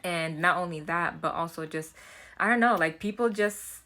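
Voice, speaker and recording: A self-development vlogger with a Haitian accent talks casually to camera at normal speed in a notably low register, her tone bright and forward. She is earnest and chatty, circling back and repeating words as she thinks aloud, relaxed and personal as she shares advice.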